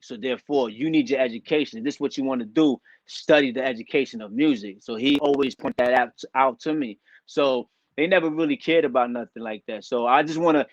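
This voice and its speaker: Liberian guy chatting on an interview, relaxed, dry kinda dull audio. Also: medium pitch, no echo. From Liberia, West Africa. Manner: laid-back, conversational, says "you know what I mean" a lot. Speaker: rapper, interview guest. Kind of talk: casual interview talk.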